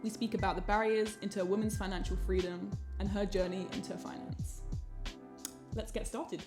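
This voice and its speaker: A woman hosting an interview podcast in casual chat, friendly and filling pauses with "um". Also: medium pitch, level tone, over music. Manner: friendly, many "um" fillers. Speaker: podcast host.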